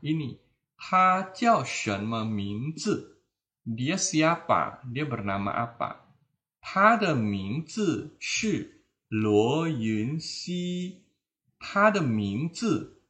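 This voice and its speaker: A man teaching beginners a language, explaining slowly and repeating each word and phrase. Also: mid-range voice, fairly bright tone. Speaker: Mandarin teacher. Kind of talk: language lesson in Indonesian.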